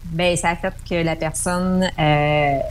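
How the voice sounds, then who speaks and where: A woman's voice: low voice, fairly even intonation, slow pace. A woman with a Québécois accent, calling in over the phone as a radio guest and explaining at length with fillers and restarts. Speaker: numerology guest.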